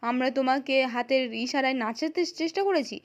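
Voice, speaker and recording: A woman's voice: high voice, brisk, close to an everyday voice. A woman with a West Bengal accent voicing a stern, hot-tempered young husband who scolds and commands. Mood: scolding.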